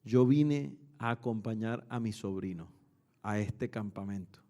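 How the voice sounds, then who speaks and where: Man voicing a grieving old farmer, low, hushed, slow, plainly told. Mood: hushed earnest. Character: older rural man, grieving, gruff, converted.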